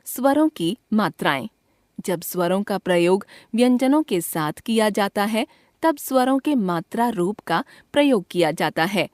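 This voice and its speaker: A woman teaching from a school textbook, reading it out slowly and deliberately, spelling out each letter and example. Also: medium pitch, expressive, a little mellow, no echo, clean studio sound.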